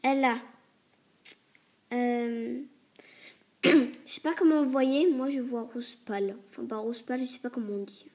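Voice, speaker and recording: A hoarse woman casually reviewing a doll on video, chatty and hesitant, with lots of fillers, coughs and throat-clearing. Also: a little high, measured pace, long pauses, a little mellow. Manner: chatty and hesitant, many fillers and self-corrections. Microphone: tablet mic.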